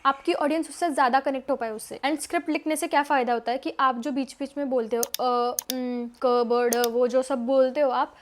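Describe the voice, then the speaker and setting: A woman's voice: high-pitched, steady tone, a little fast, few pauses, a little hiss or hum. A young woman with a Marathi accent, a YouTube creator giving a chatty step-by-step tutorial in a casual way. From Maharashtra, India. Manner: chatty, explains step by step with Hindi-English mix.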